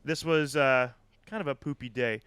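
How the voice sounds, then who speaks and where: A man's voice: mid-range voice, normal speed, fairly bright tone, smooth, dry recording. A man co-hosting a casual sports podcast, recapping a game play by play with easy chuckles. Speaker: podcast co-host.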